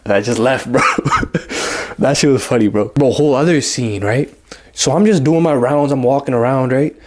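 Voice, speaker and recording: A young man telling a story in a relaxed, rambling way, thick with slang. His voice sits in an ordinary middle pitch. He keeps acting out the lines of the people in his story. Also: moderate pace. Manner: slang-heavy, rambling, acts out quotes. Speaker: vlogger. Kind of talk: casual storytime.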